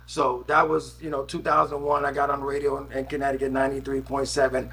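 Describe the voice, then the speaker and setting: A man's voice: mid-range voice, completely flat delivery, fast talker, pushed and bright. A middle-aged man, a radio DJ from Harlem, telling stories in a casual interview with lots of ums and restarts. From Harlem, New York City. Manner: rambling storyteller, frequent ums and restarts. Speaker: radio DJ and guest.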